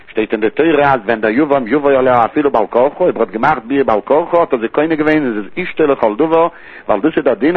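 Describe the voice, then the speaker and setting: A man's voice: mid-range voice, slightly rough, dry recording. A man teaching a traditional religious text study lesson in a sing-song study cadence, repeating key terms as he works through the passage. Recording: tinny phone-line recording.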